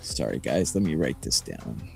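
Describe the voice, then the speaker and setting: A man's voice: very deep voice, big pitch swings, normal speed, vocal fry, faint music behind. Boastful chatty man in his fifties. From Phoenix, Arizona. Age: 50s. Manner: boastful, chatty, rambling with fillers. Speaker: sports betting handicapper. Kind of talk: live stream commentary.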